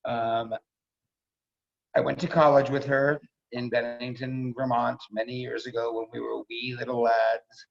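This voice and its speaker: Hosting a staged reading over a video call, a middle-aged man casually introduces the performers, gushing and repeating himself for emphasis. His voice is medium in pitch, creaky and unhurried, with little rise or fall. The video call audio sounds dull.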